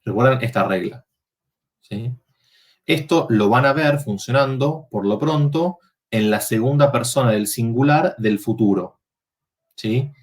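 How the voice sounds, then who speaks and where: A man's voice: medium pitch, measured pace. Guy teaching latin class, walks through each step, keeps asking if everyone follows. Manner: explains step by step, checks with students. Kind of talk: university class workshop.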